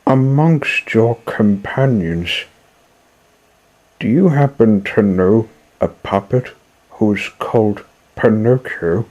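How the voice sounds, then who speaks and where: A man voicing a large calm pigeon. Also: lowish voice, slow pace, muffled recording. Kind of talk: storybook reading.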